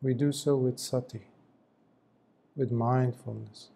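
A man leads a guided meditation like a monk teaching calm practice, his very dark, soft-edged voice at medium pitch with vocal fry and slight roughness. He speaks slowly and gently in short instructional phrases, leaving long pauses between them.

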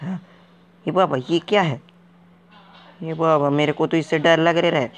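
On the high side and steady, close to an everyday voice, a man speaks over a little hiss or hum. He's in character as a bumbling game wanderer in a gaming video: clueless, excitable, uneducated, baffled and jittery. The comic commentary is jumpy and naive, and nearly every line drags out into "re baba."

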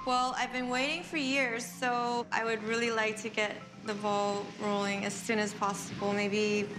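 A young woman who owns a restaurant, talking earnestly and softly about her business in a casual interview. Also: fairly high pitch, level tone, a little slow, poor audio. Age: young adult. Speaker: restaurant owner. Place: small bright café. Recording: music bed under the talk.

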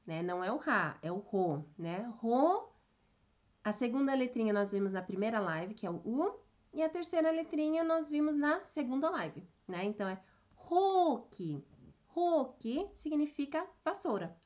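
A woman's voice: on the high side, sing-song, a little slow, highs cut off. A woman teaching a casual online Japanese lesson, talking chattily, checking in with her viewers often and laughing at herself.

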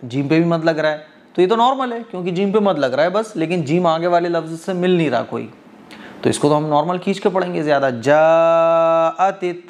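A man's voice: on the high side, expressive, darkish tone. Patient man teaching Quran recitation. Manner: explains step by step, often checks understanding; chants verses slowly with drawn-out vowels. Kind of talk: tajweed lesson.

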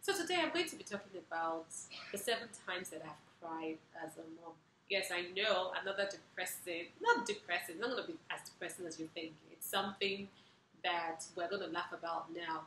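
Brief: young woman vlogger, bright voice pitched a bit low, chatty and expressive, roomy echo. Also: fairly quick, a little hiss or hum. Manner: chatty and expressive, recounting with emotion and laughter. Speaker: vlog host. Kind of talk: casual personal vlog storytelling. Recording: roomy echoey room.

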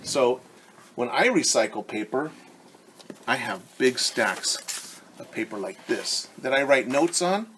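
Recorded on a device camera roughly arm's length off, in a living room at home, this man in his forties takes a teacher's role reading a picture book, breaking off for simple explanations and questions to the children. He speaks slowly, with lively intonation and a fairly bright tone at medium pitch. A little hiss or hum runs under the recording.

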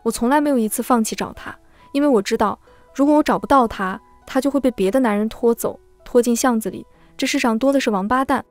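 A woman with a fairly high, clear voice reads a tragic first-person story aloud in a sorrowful, heartfelt way. Her voice sits dry and close, with soft music playing quietly underneath. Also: quick pace, no room sound. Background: faint background music.

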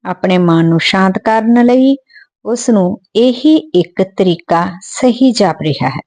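Woman narrator reading a book aloud, steady and earnest, warm tone, dry mic. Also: medium pitch, takes it slowly, no echo. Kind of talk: storybook narration.

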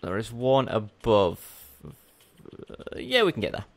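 A man's voice: fairly low pitch, huge pitch swings, slow pace, creaky, dry recording. A young man giving casual gameplay commentary as a let's play host, chatty and rambling, often correcting himself mid-sentence.

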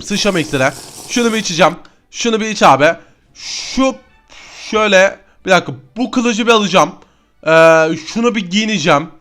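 A young man giving excited let's-play commentary to his viewers, exclaiming at every new find and talking straight to his audience. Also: high-pitched. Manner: excitable, keeps addressing viewers as friends. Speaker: gaming YouTuber.

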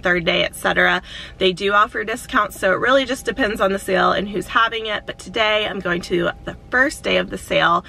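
A woman's voice: medium pitch, sharp tone, slight background noise, low-quality recording. A woman vlogging casually with a just-woken morning voice, chatty and full of "like" fillers. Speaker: vlogger, reseller. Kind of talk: casual vlog chat. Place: Atlanta area.

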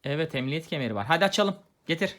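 A man's voice: a little high, animated, fast talker, crowd noise. A father chatting playfully and coaxingly with his young daughter while they unbox a toy together. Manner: playful, coaxing, talks gently to a child. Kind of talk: casual family toy unboxing.

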